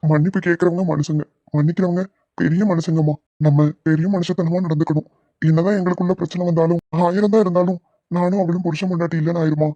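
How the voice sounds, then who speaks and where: A man voicing a gentle, easily swayed young husband for a cartoon. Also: a little high, level tone, dry recording, highs cut off. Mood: soothing. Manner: gentle, soothing, quick-talking. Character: soft-hearted gullible young husband. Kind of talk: cartoon voice acting.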